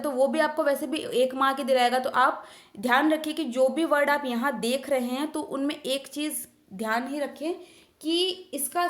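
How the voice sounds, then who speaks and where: Young woman, exam vocab teacher, bright high voice, casual explainer. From India. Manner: chatty, explains with everyday examples, frequent fillers. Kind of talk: casual Hindi-English vocabulary lesson.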